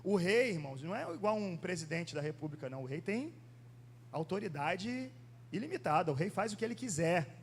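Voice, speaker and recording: A pastor with a Rio de Janeiro accent preaches a Sunday sermon, his voice sitting high for a man. He reads Bible passages slowly and deliberately, then turns to the congregation with direct questions. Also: lively intonation, slight background noise. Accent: Brazilian Portuguese, Rio de Janeiro. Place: church sanctuary.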